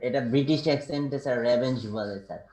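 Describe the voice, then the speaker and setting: A man, a student in an online class, who argues his point fast and keeps saying sir. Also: medium pitch, darkish tone. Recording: echoey room.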